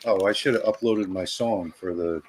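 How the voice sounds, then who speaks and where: A man's voice: low-pitched, moderate pace, slight background noise. A man co-hosting a live stream, reading viewer comments aloud and chuckling often. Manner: chuckles often, relays chat comments to the host. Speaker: co-host reading live chat.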